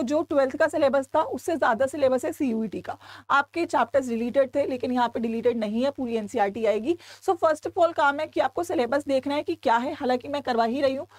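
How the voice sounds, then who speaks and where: A woman's voice: high-pitched, a little mellow, no room sound. A young woman with an Indian accent, teaching students in a chatty, coaxing way and mixing English into her talk. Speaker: online exam-prep teacher. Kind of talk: lecture to students.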